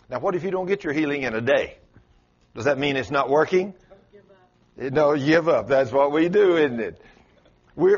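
A man in his late sixties preaching a folksy sermon, quizzing his congregation and rising to loud exclamations. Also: fairly high pitch, muffled recording. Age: 60s. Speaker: pastor.

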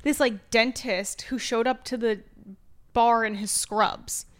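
A woman's voice: fairly high pitch, steady tone, takes it slowly, clean tone. A woman co-hosting a podcast, chatting casually and telling a long story full of "like" fillers, often acting out what other people said. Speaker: podcast co-host. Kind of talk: casual chat.

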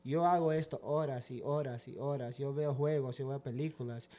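A man's voice: medium pitch, steady tone, normal speed, warm tone. A man guest, a dog trainer, telling stories animatedly in casual podcast talk and mixing in English words.

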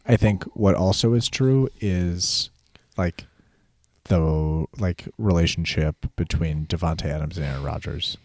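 A man's voice: deep voice, measured pace, a little mellow, dry recording. A man co-hosting a podcast in casual football chat, laid-back, with lots of agreeing interjections and dry jokes. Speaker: podcast co-host.

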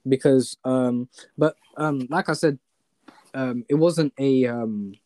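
A man's voice: mid-range voice, slow, darkish tone, no echo. A young man with a London roadman accent chatting casually and telling personal stories in slangy street talk full of tag questions. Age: young adult. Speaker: podcast guest.

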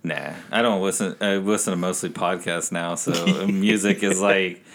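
A man's voice: deep voice, steady tone, moderate pace, a bit bright. A man co-hosting a podcast, talking casually, blunt and joking, swearing freely. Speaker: podcast co-host. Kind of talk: casual chat.

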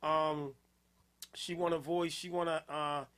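A man hosting a casual late-night podcast, excitable and quick to burst into laughter and loud outbursts. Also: on the high side, clean tone. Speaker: podcast host.

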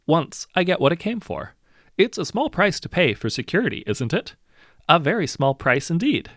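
A man lifts his voice into a greedy hero turned lord, falsely polite and quietly menacing. The sympathy rings hollow, the voice is gravelly and moves a lot. The sound is dry and close. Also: fairly high pitch, big pitch swings, normal speed, dry recording, voice pushed up.

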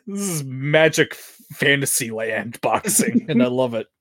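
A man's voice: medium pitch, expressive, unhurried, fairly bright tone, dry recording, studio quality. A young man co-hosting a casual movie commentary, joking, swearing and laughing often. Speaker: podcast co-host.

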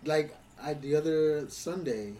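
A man's voice: a little high, measured pace, slight background noise. Laid-back man, heard from a distance. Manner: relaxed, brief back-channel replies. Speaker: stand-up comedian, co-host. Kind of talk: casual podcast chat.

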